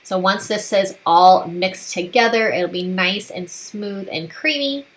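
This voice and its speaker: A woman's voice: mid-range voice, measured pace. A woman hosting a home cooking channel, chatting cheerfully through recipe steps and saying often how great the food is. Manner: upbeat, chatty, repeats "really great". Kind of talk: casual cooking voice-over.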